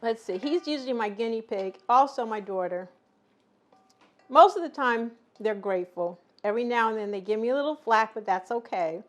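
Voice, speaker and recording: A woman's voice: a little high, moderate pace. A middle-aged woman hosting a casual cooking demonstration, chatty and teasing with her family. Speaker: cooking show host.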